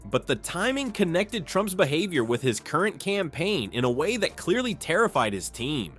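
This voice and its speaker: A man's voice: a little high, big pitch swings, normal speed, a bit bright, faint music behind. A man narrating a scripted political exposé video in a smug, sarcastic, mocking manner.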